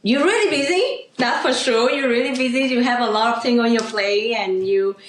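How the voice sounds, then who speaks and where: Vietnamese-accented woman in an echoey room. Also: fairly high pitch. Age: 30s. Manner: halting, many "you know" and "like" fillers, laughs easily. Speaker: guest, real estate agent. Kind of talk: casual interview chat.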